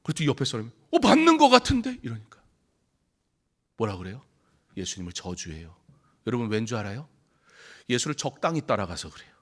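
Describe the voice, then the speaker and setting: A man preaching a Sunday sermon in a church, swinging from loud outbursts to hushed whispers and acting out short dialogues. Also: on the low side, lively intonation, fairly quick, long pauses. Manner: acts out short dialogues in different voices. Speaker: pastor. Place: church sanctuary.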